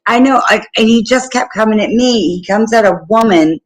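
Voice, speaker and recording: A woman's voice: on the high side, normal speed, poor audio. Blunt, scornful middle-aged woman. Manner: blunt, scornful, swears freely. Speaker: livestream co-host. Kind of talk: profane casual chat.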